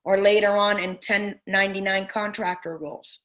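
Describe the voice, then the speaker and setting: This middle-aged business coach, from a Persian family, delivers earnest, casual interview talk riddled with restarts and fillers. Her mid-range voice is flat and fairly bright, and she speaks at a moderate pace.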